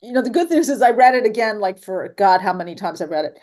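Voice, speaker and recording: A woman who is a memoir author, speaking hesitantly with many pauses on a video call. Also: medium pitch, lively intonation. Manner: soft-spoken, hesitant with many ums. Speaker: group member, memoir author. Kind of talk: casual video call chat.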